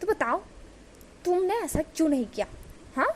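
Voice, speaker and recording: A woman plays a suspicious young man who keeps interrogating his partner. His voice sits high and turns insistent as he fires off question after question. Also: sing-song, normal speed, slight background noise. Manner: interrogating, probing.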